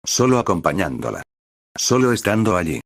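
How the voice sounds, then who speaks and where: A man narrating a romance story in an even, measured reading. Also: deep voice, creaky, no echo.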